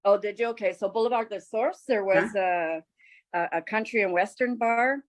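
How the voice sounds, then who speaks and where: A woman's voice: mid-range voice, moderate pace, dry recording. An older woman from Montreal, chatting casually as an interview guest, rambling with restarts and frequent laughs. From Montreal, Canada. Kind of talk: casual conversation.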